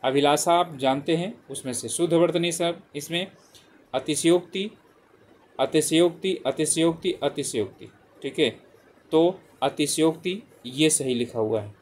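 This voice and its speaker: A faint hiss or hum accompanies this man's fairly high, somewhat slow voice. He's a teacher taking students through spelling exam questions in turn, reading each set of options aloud again and again. "ठीक है" comes up constantly as he preps them for the multiple-choice test.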